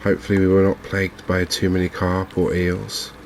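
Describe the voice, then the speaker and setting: In a gaming video, the host, a man from England with an English accent and a deep voice, talks through the gameplay in a hushed, unhurried ASMR manner, pausing hesitantly. There is clear, steady noise in the background.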